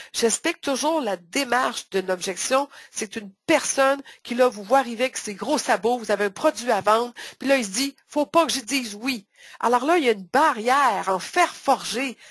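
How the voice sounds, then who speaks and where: A woman with a Québécois accent leads a webinar for salespeople, leaning hard on key words and repeating them for emphasis. Her voice sits fairly high and has a breathy, husky edge. The sound is close and dry. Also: moderate pace, no echo. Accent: Québécois French. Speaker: sales trainer hosting a webinar. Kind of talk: webinar presentation.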